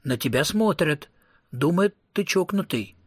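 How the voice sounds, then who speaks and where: A husky-voiced man voicing an eager, bossy young female vampire in an audiobook reading. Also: fairly high pitch, lively intonation, unhurried, a little mellow, dry recording, studio quality. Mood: scolding. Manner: coaxing, teasing.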